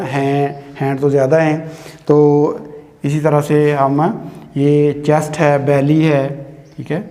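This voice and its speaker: Male grammar teacher, slightly high voice, very slow and patient delivery, long reverb in the room. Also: mellow. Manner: slow, patient, repeats "theek hai" often. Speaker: English teacher. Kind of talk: classroom grammar lesson at a board. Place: classroom with a board.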